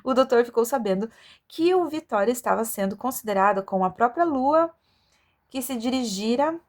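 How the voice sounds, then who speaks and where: Speaking at a normal speed, a woman with a fairly high voice reads a children's adventure story aloud, expressive and storylike. As an amateur narrator, she occasionally trips over words and fixes them.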